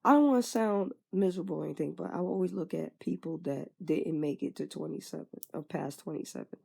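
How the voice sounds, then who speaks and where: A young woman vlogger in her twenties delivers a candid personal venting monologue in a gravelly, husky, mellow voice that sits low. She talks fast and frankly, in a conversational way, swearing casually and trailing off with fillers.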